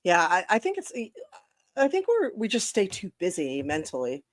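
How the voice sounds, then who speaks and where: A woman co-host chatting on a video call, animated and quick to laugh. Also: mid-range voice, dry recording, studio quality. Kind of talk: casual chat.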